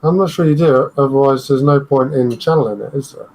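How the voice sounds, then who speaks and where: A man's voice: medium pitch, a little fast, darkish tone, poor audio. A man chatting casually as a player in a tabletop role-playing game. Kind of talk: casual chat.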